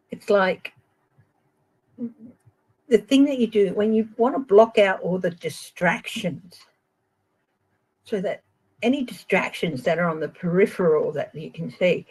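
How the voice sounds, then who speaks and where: A middle-aged Australian woman giving a gentle, chatty tarot reading on a live stream and addressing viewers by name. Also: on the low side, slightly rough, low-quality recording. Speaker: tarot reader.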